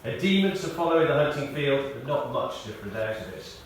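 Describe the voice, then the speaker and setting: A man serving as eulogist at a memorial service reads a prepared tribute aloud in a large church, telling stories in a measured way with dry humour. His voice is medium-pitched and animated. He sounds distant and echoey, with faint noise from the far-off mic.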